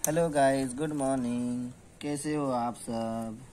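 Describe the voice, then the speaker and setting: A man's voice: medium pitch, fairly even intonation, takes it slowly, mellow, a little hiss or hum. A man talking in a casual home vlog on a sunny rooftop, coaxing a toddler in a playful way. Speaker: vlogger. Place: home rooftop in the sun, outdoors.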